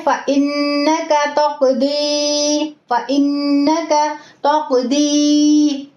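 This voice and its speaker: A woman teaching Quran recitation in an online class, explaining patiently step by step and slowing down to model the sounds. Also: high voice. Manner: greets and praises students by name. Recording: echoey, dull lo-fi room sound.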